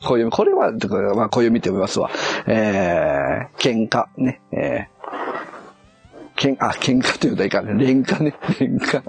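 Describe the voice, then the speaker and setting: A man's voice: mid-range voice, measured pace, gravelly, breathy edge, faint music behind. A man on a casual live stream, muttering and puzzling aloud as he reads a kanji quiz and corrects himself.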